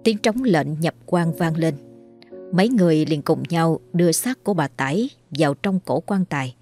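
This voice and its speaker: A woman narrating a horror story in a steady, even storytelling voice. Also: low-pitched, moderate pace. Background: faint music.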